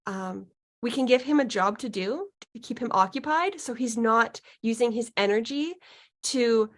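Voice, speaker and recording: A woman guiding a client through an unscripted healing session as a mystical healer, speaking in a halting, searching way with thoughtful pauses. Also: fairly high pitch. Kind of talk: unscripted guided healing session, musing aloud.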